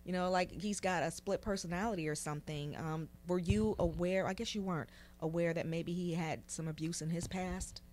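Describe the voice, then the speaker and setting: Deep-voiced woman host asking probing questions. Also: fairly even intonation, moderate pace, darkish tone, a little hiss or hum. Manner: probing, reflective, sums up the guest's story. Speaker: interview host. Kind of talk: interview questions.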